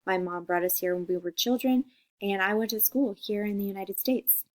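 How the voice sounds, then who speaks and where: A woman's voice: mid-range voice, normal speed. A woman in her forties from Costa Rica, a teacher talking students through a class introduction video in a friendly, chatty way. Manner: friendly, chatty, checks in with "okay?".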